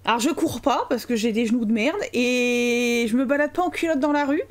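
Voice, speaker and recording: A woman's voice: on the high side, a little fast. A young French woman commenting live on her game, chatting and joking with her viewers. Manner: chatty, joking, reads chat aloud. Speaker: streamer.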